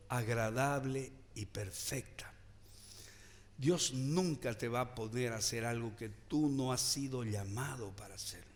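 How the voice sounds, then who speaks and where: Preaching man in a reverberant hall. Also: on the high side. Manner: preaching with call-and-response, swinging from loud to hushed. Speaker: pastor. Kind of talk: sermon. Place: church sanctuary, also streamed online.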